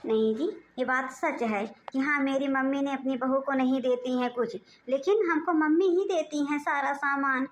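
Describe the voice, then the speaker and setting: A woman's voice: high-pitched, normal speed, few pauses, close to an everyday voice. A woman voicing a meek young wife in a cartoon, pleading and placating with her angry husband.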